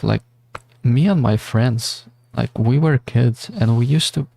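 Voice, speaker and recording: A man's voice: mid-range voice, creaky, a little mellow, no room sound. A man streaming a game who rambles through philosophical thoughts, swearing freely as he muses. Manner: rambling, meandering, swears often. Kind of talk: casual livestream musing.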